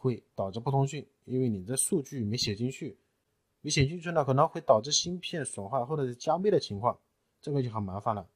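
A man's voice: medium pitch, animated, fairly quick, breathy edge, dry recording. Man patiently walking through a tutorial. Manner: patient step-by-step explaining with fillers. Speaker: tutorial presenter. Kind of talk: screen-recorded technical tutorial.

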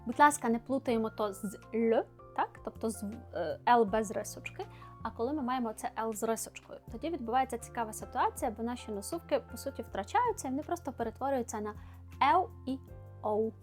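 A woman teaching Polish pronunciation, explaining patiently and clearly, demonstrating sounds slowly and repeating them. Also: on the high side, soft background music.

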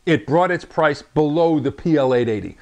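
Wearing a lapel mic in his home radio room, a sixty-something ham radio channel host casually unboxes a radio, chatty and slightly rambling with frequent chuckles. His voice is on the high side and somewhat dark in tone, with lively intonation at a moderate pace. The video is a relaxed unboxing vlog.

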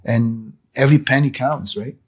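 Impassioned husky man telling his story. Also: mid-range voice, moderate pace. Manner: impassioned, repeats words and restarts, grows loud when indignant. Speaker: cafe owner, interview guest. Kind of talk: emotional personal testimony.

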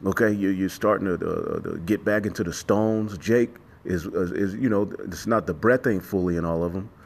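Casting: male religious teacher, somewhat low voice, emphatic, repetitive, profane informal sermon. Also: moderate pace, gravelly. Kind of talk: informal sermon with scripture reading and commentary.

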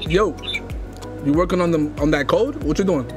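Music plays while a young man speaks at a normal speed in a slightly high voice. He's making prank calls on a headset from his home streaming room indoors, demanding and pushy, thick with street slang.

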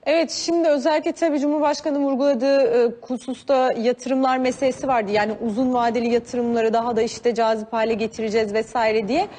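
A woman's voice: fairly high pitch, fairly even intonation, a little fast, hardly any pauses, mellow, big-room sound. A woman hosting a live broadcast interview, asking polite, conversational, rambling questions. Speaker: news interviewer, host.

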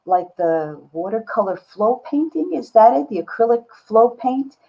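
Her voice sits on the high side, gravelly and expressive, moving at a moderate pace. She's an older woman artist being interviewed over a video call, reflecting casually and candidly from an indoor home studio lined with books. The call audio is a bit dull.

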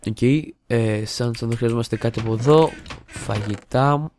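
A man's voice: mid-range voice, a little mellow, a little hiss or hum. Rambling young man humming while gaming. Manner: rambling, jokey, hums and mutters while building. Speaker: gaming channel host. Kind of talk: casual let's-play commentary. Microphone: desktop studio mic.

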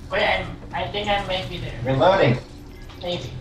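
A woman's voice: on the low side, moderate pace. A woman chatting casually while gaming online, recorded roomy and distant with noise. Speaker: gamer playing with a friend. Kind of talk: casual chat during online game.

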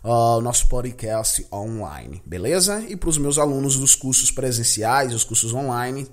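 A Brazilian man teaches English pronunciation on his podcast, pitched in the middle of the range for a man. He drills each word slowly, again and again, and stops often to check his listeners are following. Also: animated. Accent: Brazilian Portuguese. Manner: drills words slowly, repeating each one and checking in with "beleza?".

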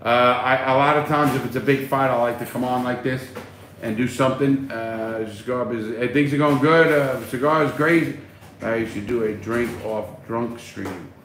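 A middle-aged man hosts a casual livestream from a small room at home, reading chat aloud and replying bluntly with plenty of swearing. His mid-range voice is fairly bright and moves at a moderate pace. Recorded on a phone held at arm's length, the sound is echoey with faint noise.

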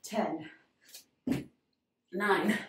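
A woman's voice: medium pitch, extremely slow, echoey room, far from the mic, noisy background. A young adult woman leading a home workout in her garage, counting reps aloud, encouraging and out of breath. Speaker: fitness instructor.

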